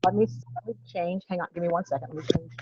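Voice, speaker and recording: A woman's voice: lowish voice, racing, noisy background. A woman on a video call whose headset voice comes through muffled, as if through a wall. She is a sales consultant setting up a role play in a chatty way, with lots of "okay" and "um". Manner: chatty, with frequent "okay" and "um" fillers. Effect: muffled, as if heard through a wall.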